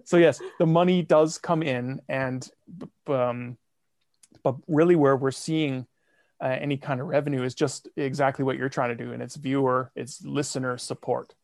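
This man's mid-range voice is creaky and goes at a normal speed, captured in clean studio sound without echo. As a guest on a podcast, the comedy fiction podcaster and songwriter chats easily about making music at home, with frequent "like" and light laughter in a casual interview.

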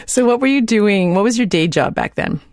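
A woman's voice: medium pitch, lively intonation, brisk, a little mellow, no echo, clean studio sound. A young adult woman hosting a podcast interview, friendly, chatting and laughing easily. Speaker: podcast host. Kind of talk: conversational interview.

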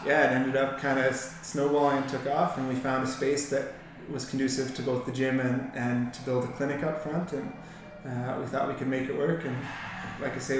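A man in his thirties giving a casual interview in a halting, conversational way. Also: mid-range voice. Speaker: guest, physiotherapist. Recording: echoey, distant mic, noisy room.

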